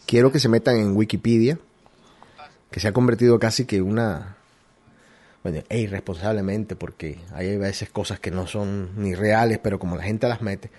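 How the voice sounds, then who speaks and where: A man's voice: on the low side, steady tone, normal speed, darkish tone. A man from Colombia talks to his listeners in a loose, rambling monologue. He restarts his sentences often and hunts for words as he goes. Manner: rambling, hesitant, with many restarts. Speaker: radio show host. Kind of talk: casual opinion monologue.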